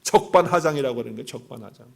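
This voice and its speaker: A male pastor giving an animated Sunday sermon, asking his listeners questions and acting out the voices he quotes. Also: mid-range voice, racing, gravelly, slightly rough. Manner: animated preaching, acts out quoted voices, asks the congregation questions.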